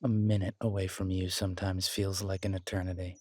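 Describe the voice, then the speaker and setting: Sitting low in pitch with a dark, level tone, a man portrays an easygoing werewolf boyfriend who tinkers with bikes and shows plenty of affection. He talks casually and haltingly in this intimate roleplay audio drama, recorded with no room sound.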